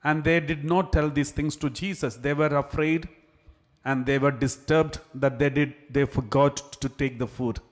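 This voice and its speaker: A man serving as priest, reading the gospel and preaching in an earnest, measured way with frequent restarts. His voice carries a cathedral echo from a large church. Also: on the high side, steady tone. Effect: cathedral echo, long church reverb. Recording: long hall reverb in a church.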